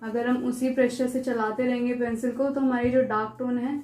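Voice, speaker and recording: A woman art teacher talking through a step-by-step pencil shading tutorial, patient and repetitive, softly guiding the viewer. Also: on the high side, level tone. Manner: patient, repeats instructions, soft and unhurried. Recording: echoey room with faint music.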